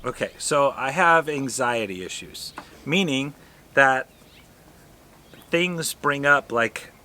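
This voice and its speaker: A man's voice: medium pitch, expressive, slow pace, pushed and bright, slight background noise. A man hosting an RV travel vlog, chatting casually and unscripted, explaining himself with rhetorical questions.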